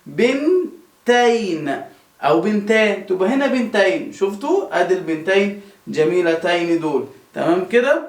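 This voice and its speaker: Egyptian male teacher, high animated voice, echoey room; quizzes kids, answers himself. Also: moderate pace. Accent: Egyptian Arabic. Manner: lively, quizzing pupils and answering them himself. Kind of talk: children's grammar lesson.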